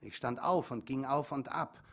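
A male audiobook reader with a calm, measured delivery. He narrates in the first person, and his voice sits at a middling pitch. The telling is steady and even. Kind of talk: memoir read aloud.

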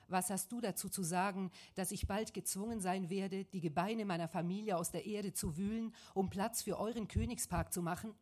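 A woman reading the lines of an angry, grieving man who accuses and defies, loud and bitter, in an audiobook. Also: on the low side, normal speed, close to an everyday voice. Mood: angry, accusing.

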